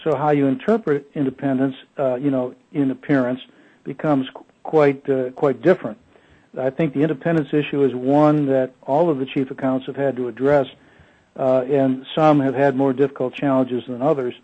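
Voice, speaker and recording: A man's voice: mid-range voice, little pitch movement, moderate pace. A man giving an oral history interview, speaking with many fillers and restarts. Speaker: interview guest. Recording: dull, muffled lo-fi audio.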